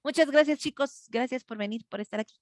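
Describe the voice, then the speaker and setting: A woman's voice: high voice, fairly quick, no room sound, studio quality. A woman teacher, patiently walking students through a grammar lesson over a video call. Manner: patient, explains step by step, asks students for answers. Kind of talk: online grammar class.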